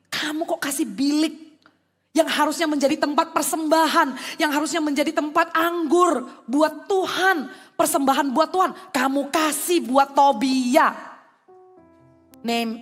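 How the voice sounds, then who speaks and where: A woman pastor giving a lively youth sermon, mixing English phrases into her talk. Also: high-pitched.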